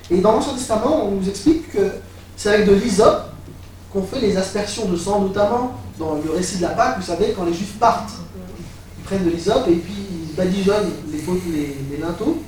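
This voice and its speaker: Guy preaching a sermon, gets all fired up, voice kinda high, bouncing around a big echoey room w faint noise. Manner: animated, builds to excited exclamations. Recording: echoey hall, voice from far off.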